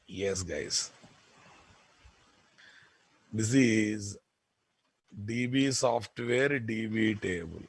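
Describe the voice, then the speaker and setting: A man with a Telugu Indian accent teaching software in an informal lecture, repeating points emphatically and often checking with listeners. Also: fairly low pitch, extremely slow, gravelly, pauses often, breathy edge, no room sound. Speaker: programming instructor.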